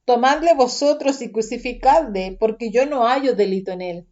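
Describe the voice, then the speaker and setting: A woman reading the part of Pilate, a grown-man governor, in a measured, questioning voice. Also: on the high side, a little mellow, muffled recording, close to an everyday voice.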